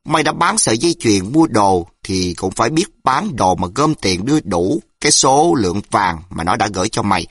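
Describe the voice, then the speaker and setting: A man's voice: lowish voice, sing-song, moderate pace, few pauses, fairly bright tone, husky, no echo, studio quality, full character voice. A man voicing a menacing, brutal tough man who snarls threats.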